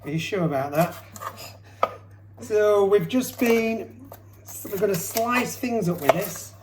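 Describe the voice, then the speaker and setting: Speaking slowly in a high, expressive voice, a man co-hosts a home cooking demonstration, bantering and teasing as he chops. The kitchen is echoey, with background noise and chopping audible throughout.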